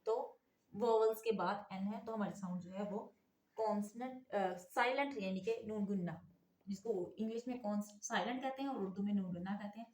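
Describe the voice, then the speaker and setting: A woman's voice: mid-range voice, fairly quick, a little mellow. Echoey woman teaching phonics. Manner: repeats "theek hai na" as a check-in, spells words letter by letter. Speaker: English teacher. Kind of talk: phonics lesson explaining letter sounds.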